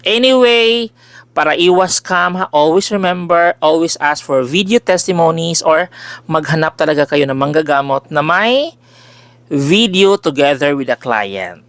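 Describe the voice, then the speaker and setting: A man with a big, loud voice who runs a folk-healing page, talking casually and animatedly to his followers with jokey exclamations. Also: fairly high pitch, animated, a little slow, clear, resonant tone, dry recording. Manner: chatty and exclamatory, switching between Tagalog and English, jokey asides. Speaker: folk healer selling remedies, page owner. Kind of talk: casual direct-to-camera address to followers.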